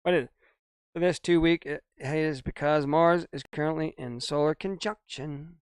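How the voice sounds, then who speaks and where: A man's voice: a little high, normal speed, smooth, no echo, studio quality. An older man co-hosting a casual couch chat, rambling and grumbling his opinions. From United States. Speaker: co-host.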